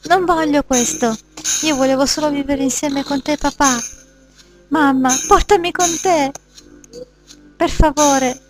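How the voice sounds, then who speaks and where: A woman voicing a frightened little girl who pleads with her parents in a high, breathy voice. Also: a little slow, pauses often, music in the background. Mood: desperate.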